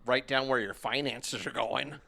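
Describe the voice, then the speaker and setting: A man's voice: medium pitch, normal speed, creaky, sharp tone. A man hosting a gaming podcast, teasing his co-hosts, laughing easily and introducing news items. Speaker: podcast host. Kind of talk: casual chat.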